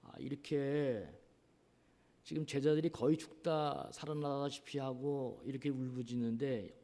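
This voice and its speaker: A man preaching a sermon as pastor, earnest, asking rhetorical questions and pausing on drawn-out fillers. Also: medium pitch, steady tone, warm tone. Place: church sanctuary. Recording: long reverb of a church hall.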